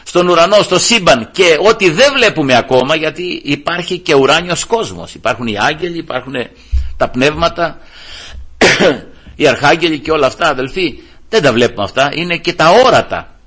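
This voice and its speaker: A male preacher gives an emphatic sermon in a husky voice, pitched somewhat high. He keeps calling out to the brethren and pressing each point home. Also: expressive, a bit bright. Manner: emphatic, repeatedly addressing the brethren.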